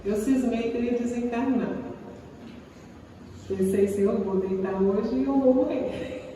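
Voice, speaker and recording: A woman's voice: a little high, a little slow, warm tone. A Brazilian woman telling a funny personal story in a casual, chatty way, often laughing and tagging lines with "né?". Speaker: co-host of a spiritist live show. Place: live stream. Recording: echoey room, distant mic, background noise.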